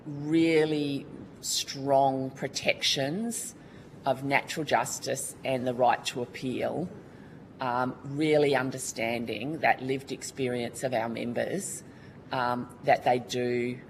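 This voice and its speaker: Here an Australian woman with a bass voice testifies formally at a Senate committee hearing, slow and steady in tone. She is earnest and colloquial and restarts often, and the rough recording has a little hiss or hum.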